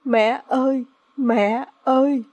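A woman's voice: high-pitched, fairly even intonation, takes it slowly, darkish tone, no room sound. A woman reading aloud, putting on a young son who pleads tearfully with his mother. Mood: pleading. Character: young man crying for his lost mother.

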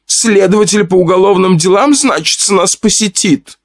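A man voicing a fussy, flirtatious middle-aged noblewoman in a horror audiobook, with a playful, excitable manner. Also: high-pitched, moderate pace, no room sound, studio quality, pitched above the performer's own voice.

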